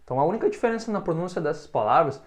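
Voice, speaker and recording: A man with a Brazilian Portuguese accent teaching English pronunciation, modelling short words loudly and having the learner repeat after him. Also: fairly high pitch, expressive. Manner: slow, drawn-out modelling of words, stressed loud examples.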